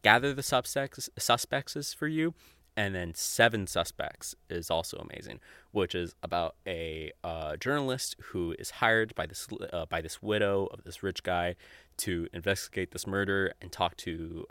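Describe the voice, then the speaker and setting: A deep-voiced man in his twenties hosts a podcast at normal speed, his tone pushed and bright yet clean, with no echo. Unscripted and informal, he recommends podcasts casually, with some profanity and frequent chuckles.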